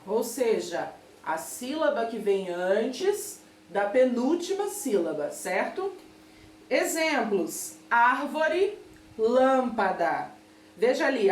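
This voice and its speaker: A woman's voice: on the high side, reverberant, recorded from a distance, a little hiss or hum. A woman with a Brazilian Portuguese accent teaching a recorded remote class, patiently explaining and often checking that listeners follow.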